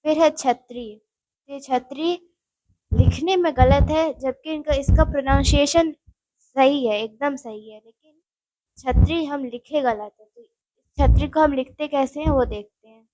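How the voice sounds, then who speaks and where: High-voiced woman teaching Hindi spelling. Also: unhurried, mellow, no echo, poor audio. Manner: explains step by step, addresses viewers as guys. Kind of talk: spoken exam-prep lesson.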